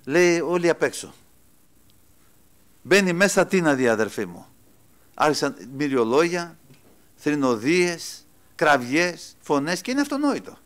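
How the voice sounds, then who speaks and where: Man, preacher, sermon, high voice, loud exclaiming and quiet asides, calls listeners brothers. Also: sing-song, pauses often. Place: church.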